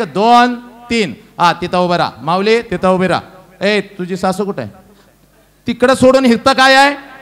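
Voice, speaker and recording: A man with a fairly high voice, lecturing a women's gathering. He is teasing and humorous, ordering the crowd around one moment and dropping to a hushed, earnest plea the next. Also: smooth. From western Maharashtra. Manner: teasing, humorous, bossy with the audience; swings between loud calls and hushed earnest pleas. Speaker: motivational speaker.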